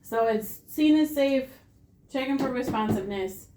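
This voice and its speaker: A woman's voice: sits high, normal speed, warm tone, a little hiss or hum. A woman teaching a hands-on CPR class, patient and practical, encouraging her students. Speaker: CPR instructor. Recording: roomy classroom sound.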